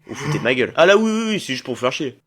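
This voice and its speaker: A man voicing a fast, bickering cartoon baker. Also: medium pitch, sing-song, husky. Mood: exasperated. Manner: quick, bickering, swings between mocking and exasperated. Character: sarcastic young male baker and quarrelsome customers. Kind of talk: animated comedy sketch voices.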